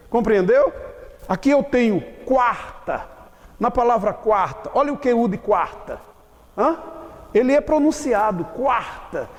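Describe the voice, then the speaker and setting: A man teaching a grammar lesson, explaining slowly and often checking whether his students have understood. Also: very high-pitched, a little mellow, big-room sound. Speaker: Portuguese teacher. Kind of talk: classroom lecture.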